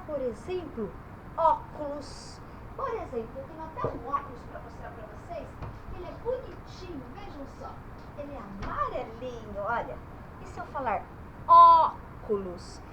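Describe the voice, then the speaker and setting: Animated woman teaching kids. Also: high voice, background noise. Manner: animated and drawn-out, stretching vowel sounds. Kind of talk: children's lesson on letters and sounds. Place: her bedroom at home.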